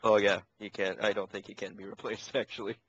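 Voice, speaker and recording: A man chats on a podcast in a low voice, animated and quick to laugh. His mic sounds dull and very dry. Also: breathy edge, dry recording. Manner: animated, laughs often, swears. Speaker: podcast co-host. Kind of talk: casual chat.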